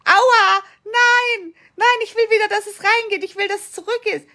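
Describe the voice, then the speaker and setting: Woman acting as a shrill, panicking woman in labor. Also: fairly even intonation, moderate pace, pushed and bright, heavily acted. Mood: panicked. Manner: shrill, frantic and pleading. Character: panicking woman mid-childbirth, whiny, high.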